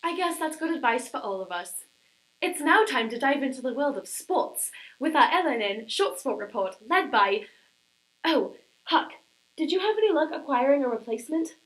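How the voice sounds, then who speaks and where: A clever, prim schoolgirl anchors the news, as a woman plays her. Her voice is high and bounces around, and she sounds proper and a little prissy. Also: very animated, normal speed, fairly bright tone, poor audio.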